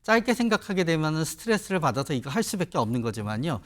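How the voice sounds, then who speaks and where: A man's voice: on the high side, big pitch swings, a bit bright. A man, a psychiatrist on a talk show panel, explaining the psychology behind online venting. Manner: explanatory, quick. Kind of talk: expert commentary.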